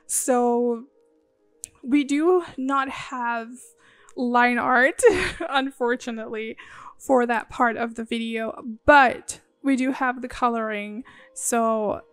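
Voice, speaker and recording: A chatty woman with a fairly high voice, a little groggy, talking in a loose, rambling way and giggling between thoughts. She narrates her drawing casually over soft background music. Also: fairly even intonation, slow, clear, resonant tone, no room sound. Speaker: bullet journal creator. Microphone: phone.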